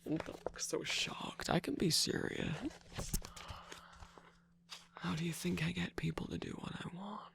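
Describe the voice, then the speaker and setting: Shadow Milk Cookie, a creaky whispering trickster, voiced by someone. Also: mid-range voice, fairly even intonation, moderate pace, a bit bright. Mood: teasing. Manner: mocking, prodding, teasing. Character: teasing, manipulative male cookie trickster. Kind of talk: whispered ASMR roleplay.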